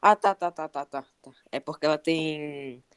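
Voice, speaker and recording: A woman's voice: low-pitched, measured pace, clean tone, no echo, studio quality. A female student answering her teacher hesitantly and thinking aloud.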